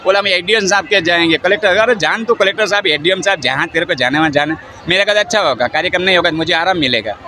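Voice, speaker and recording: A man's voice: high-pitched, quick pace, few pauses. A man from Gujarat, a faith healer, answering interview questions in a blunt, rambling, defiant way at an outdoor camp. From Gujarat, India. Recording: noisy outdoor field recording.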